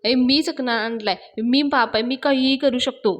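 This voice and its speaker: A blustering old father-in-law who will not give up his snack paper, stubborn and self-assured, as a woman storyteller does his lines. The voice sits a bit high and carries a sulky insistence. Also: steady tone, moderate pace.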